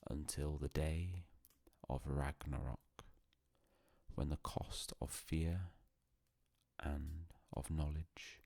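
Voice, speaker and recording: Male sleep-story narrator: gravelly, close and dry, calm, solemn, hushed delivery with long pauses. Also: rumbling low, no room sound.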